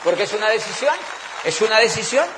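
A middle-aged man with a Colombian accent giving an animated motivational talk to a live audience, often checking that they follow him. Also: sits high, fast, a crowd in the background, noisy background. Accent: Colombian Spanish. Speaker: motivational business speaker. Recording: long reverb of a large hall.

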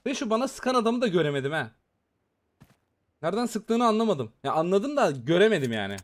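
A man giving excited, chatty live commentary on a mobile shooter game, talking straight to his viewers as he plays. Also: sits high, fairly quick. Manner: excitable, chatty, talks to viewers while playing. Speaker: gaming YouTuber.

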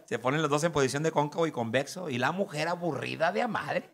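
A man with a Mexican accent telling crude jokes in a bar, rowdy and animated. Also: on the high side, quick pace. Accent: Mexican Spanish.

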